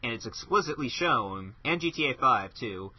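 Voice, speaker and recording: A man's voice: medium pitch, lively intonation, moderate pace, husky, no room sound. A man co-hosting a casual gaming podcast in a laid-back, amused way. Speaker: podcast co-host. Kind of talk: casual chat. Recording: dull lo-fi podcast mic.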